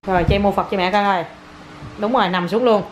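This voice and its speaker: A woman's voice: medium pitch, fairly even intonation, fairly quick, very noisy. A woman, casually and playfully coaxing her small child as a mother, often repeating herself. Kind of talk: casual chat with her toddler.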